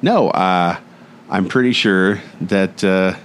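A man's voice: low voice, slow, a little hiss or hum. A man co-hosting a podcast from a recording studio, bantering casually, joking about himself and laughing often. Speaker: podcast co-host. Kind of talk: casual chat.

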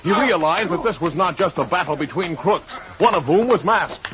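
A man's voice: high voice, animated, normal speed, a crowd in the background. An American man narrating an old radio western in a dramatic scripted style, on a muffled broadcast recording.

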